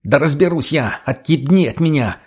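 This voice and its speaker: A man voicing a jittery, foul-mouthed male drug addict who shouts and curses in a panic in an audiobook. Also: a little high, animated, moderate pace, slightly rough. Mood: panicky, cursing.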